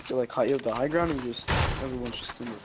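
A man's voice: medium pitch, very fast. A man playing a shooter game with a friend, rambling and repeating himself as he talks. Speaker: gaming partner. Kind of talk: casual gaming chat. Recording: game sounds behind voice.

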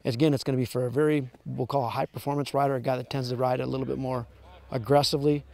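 This product rep speaks at a racing clip with a gravelly, darkish, medium-pitched voice and flat delivery as he shows off his company's snowmobile. He's outside in the snow at a sled event, explaining the features plainly, and there's no echo.

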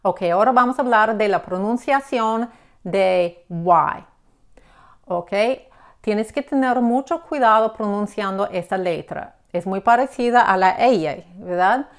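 A woman teaching English pronunciation, explaining slowly and checking in with the listener as she gives examples. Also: mid-range voice. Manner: patient, repeats examples, checks with "ok?". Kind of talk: slow explanatory lesson.

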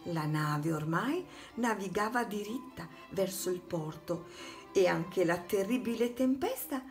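A woman's voice: mid-range voice, expressive, a little slow, faint music behind. A woman narrating a children's storybook, reading aloud expressively and dramatically.

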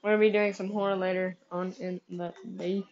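A woman's voice: fairly low pitch, level tone, fairly quick, lo-fi sound, background noise. A woman hosting a live gaming stream, chatty and upbeat, heard through livestream headset mic audio. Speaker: livestream host.

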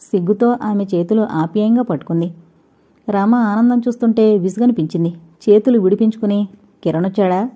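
A woman's voice: medium pitch, brisk, warm tone. A woman reading a novel aloud, narrating and speaking every character's lines herself with little change of voice. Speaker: storyteller. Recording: dull lo-fi recording.

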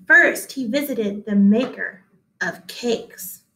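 A teacher in her thirties hosts a slow read-aloud of a picture book for children at home, adding asides to them with an expressive, careful delivery in a somewhat high voice. It was recorded in a small office-like room with hard walls, so the sound is noticeably echoey.

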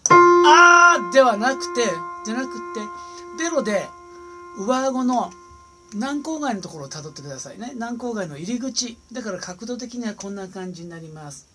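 A vocal coach with a high-pitched, expressive voice talks briskly during a casual singing lesson recorded on a smartphone, with soft music in the background. He chats and demonstrates sustained sung vowels and humming.

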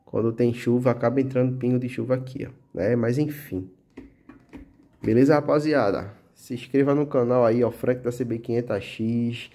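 A Brazilian man with a Pernambuco Portuguese accent hosts his motovlog channel, casually showing off camera gear indoors. His voice is medium in pitch and his speed normal. He's relaxed and chatty, peppering his talk with tag-question fillers like "tá?" and "né?".

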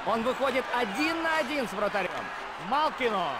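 A man giving excited hockey play-by-play and goal calls in short, urgent phrases for a video game. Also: very high voice, normal speed. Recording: loud arena crowd and rink noise. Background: roaring crowd, puck and board thuds.

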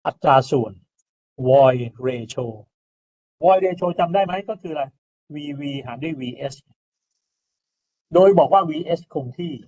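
Guy teaching engineering slides, a bit high voice, muffled lo-fi sound, keeps asking right?. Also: takes it slowly, pauses often, dark tone. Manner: explains step by step, often asks "right?" and adds polite particles. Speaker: engineering lecturer. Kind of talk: informal recorded lecture. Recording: dull lo-fi lecture recording.

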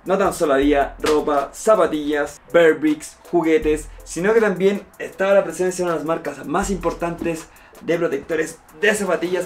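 A young man from Chile talks through his streetwear purchases, upbeat and full of slang. His voice sits a little high for a man. A faint music bed plays beneath him as he sits at a table with the camera in front of him. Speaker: streetwear vlogger. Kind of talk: casual unboxing vlog.

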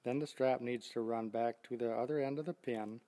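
An older man giving a steady, scripted step-by-step demonstration of loading bikes onto a rack. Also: medium pitch, a little fast, big-room sound. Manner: steady, methodical step-by-step explaining. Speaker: product demonstrator. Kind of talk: scripted instructional narration.

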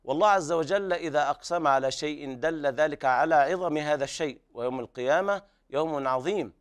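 A middle-aged man teaching Quran recitation on a television lesson, explaining each rule in a measured way before he chants the verse. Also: a little high, clear, resonant tone. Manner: explains tajweed rules, then slowly chants verses as examples.

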